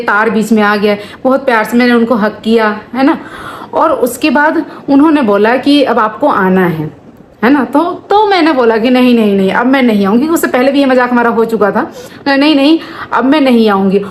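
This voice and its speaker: Speaking to camera in a casual vlog, this thirtysomething family vlogger explains things at length with an aggrieved tone and plenty of asides. Her voice runs on the high side, and there's a bit of hiss or hum.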